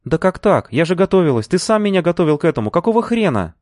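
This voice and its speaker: A man voicing an indignant young woman gang member, pitching his voice up and sounding outraged in an audiobook. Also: big pitch swings, fast talker, a little mellow, no room sound, studio quality. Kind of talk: audiobook character reading.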